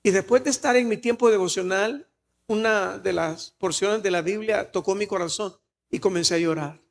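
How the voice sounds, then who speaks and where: A man's voice: high-pitched, normal speed, creaky. A man with a Salvadoran Spanish accent preaching a sermon in a church, earnest and personal, sometimes rising to emphatic exclamations. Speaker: pastor.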